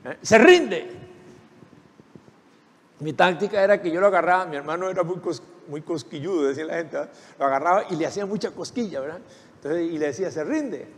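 High-pitched guy preaching, lots of questions to the crowd, big echoey church hall. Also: fast talker. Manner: preaching with rhetorical questions and calls for the congregation to repeat. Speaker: pastor. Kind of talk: sermon.

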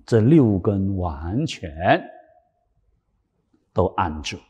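A man with a raspy, husky voice delivers a Buddhist sermon at an unhurried pace, lines lingering in a long hall reverb. His pitch leaps and falls widely, loud emphatic phrases giving way to hushed whispered asides. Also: sing-song. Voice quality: raspy, cracked voice. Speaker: Buddhist dharma teacher.

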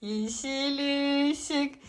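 A woman's voice: sits high, extremely slow. A woman vlogger running a playful game for her younger siblings, teasing them and laughing often as she calls out the rounds. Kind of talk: casual family vlog.

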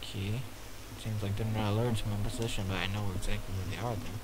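A man's voice: lowish voice, fairly even intonation, fast talker. A man giving casual, exclamatory let's play commentary, joking around and swearing in a goofy way. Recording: very noisy, game sound behind. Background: shooter game sounds.

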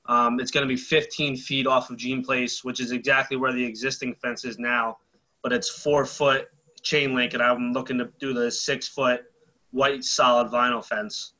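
A man's voice: medium pitch, level tone, normal speed, bright, forceful tone, low-quality recording. A man applying for a fence variance, explaining plainly over a video call with some ums. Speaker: applicant.

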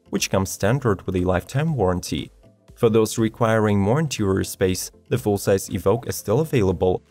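A man narrating a scripted product video in an even, measured read of specifications. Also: fairly low pitch. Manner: even, measured reading of specs. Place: studio voice-over. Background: faint background music.

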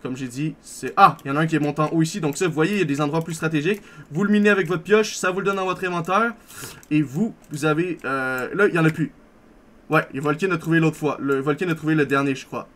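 Fast-talking young man touring his game server. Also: fairly high pitch, fairly bright tone. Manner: rambling, self-correcting, upbeat asides. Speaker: server owner giving a tour. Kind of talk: casual gameplay walkthrough.

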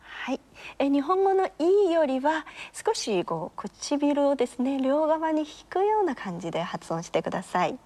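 A woman teaching a language lesson, patient and encouraging, demonstrating each sound slowly. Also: high voice, sing-song, darkish tone. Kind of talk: explanatory lesson.

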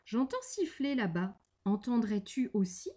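A big, gullible male monster from a picture book speaks in a gruff, drawn-out way, as a woman reads him aloud. His lines come slowly and deliberately, sized for young listeners. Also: a little high, sing-song, dark tone. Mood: curious.

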